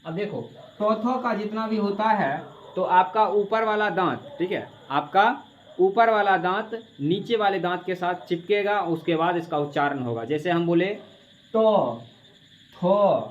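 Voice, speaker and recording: A male teacher with a high-pitched voice speaks at a normal pace during a classroom grammar lesson, posing questions and answering them himself to drill his students, whom he calls "babu". The recording is dull and lo-fi, with a faint hiss.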